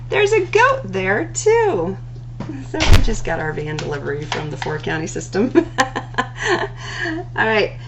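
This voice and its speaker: Reading rhyming children's books for a library storytime, this woman uses a bouncy, singsong cadence and lingers on her words. Her voice has a gravelly creak and moves broadly up and down in pitch. Light noise and a faint hum run under the recording.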